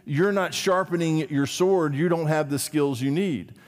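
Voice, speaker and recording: A man preaching a sermon as pastor, swinging from emphatic high peaks down to low, quiet asides. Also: a little slow, in a large hall. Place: church sanctuary.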